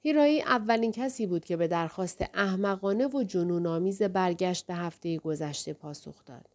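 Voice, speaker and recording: A woman narrating a novel in a calm, steady reading voice. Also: lowish voice. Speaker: audiobook narrator. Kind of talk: scripted narration.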